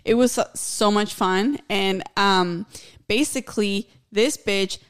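A woman's voice: medium pitch, slow pace, smooth. A woman co-hosting a podcast, telling stories in a casual, slangy way with some mild swearing. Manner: informal, slangy, uses mild profanity. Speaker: podcast co-host. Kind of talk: casual chat, storytelling.

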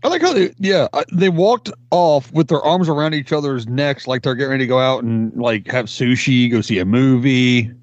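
A man's voice: mid-range voice, moderate pace, few pauses, dry recording. A man co-hosting a casual watch-along, making wry, joking remarks. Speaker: podcast co-host. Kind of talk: casual chat commentary. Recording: dry, dull lo-fi mic.

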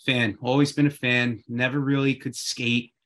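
A man's voice: medium pitch, flat delivery, normal speed, a bit bright. A man chatting casually and enthusiastically, often repeating phrases for emphasis. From Queens, New York. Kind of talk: casual chat.

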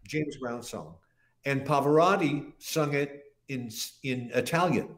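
An older man, a guest musician, tells long, rambling stories in a casual interview, often restarting his sentences. His voice sits in the mid-range and moves at a measured pace. The recording has a roomy echo.

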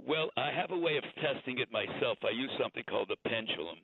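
Man in his eighties, radio show caller, rambling, chuckling, phone-line sound, middle pitch. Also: lively intonation, quick pace, noisy background. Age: 80s. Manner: chatty, rambling, chuckles as he talks. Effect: caller heard over a phone line. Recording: tinny phone line, dry.

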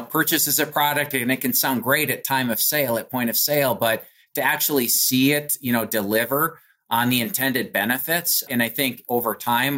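In a business interview, an American company executive answers conversationally in a medium-pitched voice that sounds pushed and bright. His explanations use polished corporate language sprinkled with "you know."

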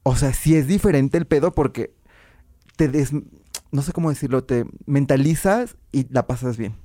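A woman with a Mexican Spanish accent, a podcast guest telling candid stories in a lively way, laughing often and acting out her own past words. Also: rumbling low, moderate pace, no room sound, clean studio sound. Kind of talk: frank candid storytelling.

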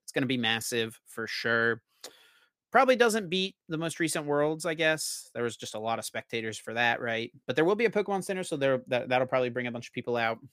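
Animated male podcast host, dry close mic. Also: smooth, no echo. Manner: animated, quick to laugh, shifts from loud to low. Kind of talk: casual podcast chat.

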